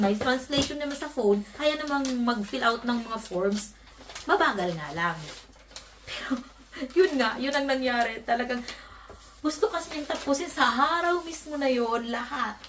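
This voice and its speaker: A high-pitched woman from the Philippines tells a story to her vlog audience in a casual, emphatic way, laughing often between points. Her voice sits a little away from the mic. Faint noise hums underneath. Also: distant mic. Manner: animated, emphatic, laughs often while telling. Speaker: vlogger.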